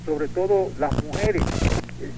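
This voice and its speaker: An older Cuban man with a Cuban Spanish accent, a guest on a radio interview speaking from inside Cuba, halting with many fillers and restarts. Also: high voice, heavy background noise.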